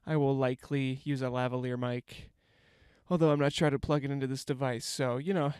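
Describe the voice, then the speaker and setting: A young man with a stuffy, congested voice hosts a rambling, self-mocking comedy podcast from a parked van, using a handheld mic. His medium-pitched voice is brisk and steady, a little mellow, clear and resonant with no echo.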